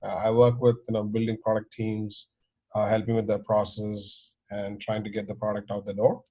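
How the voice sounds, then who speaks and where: A man's voice: fairly low pitch, monotone, normal speed, dark tone. A man introducing himself as a product consultant on a video call, polite and eager.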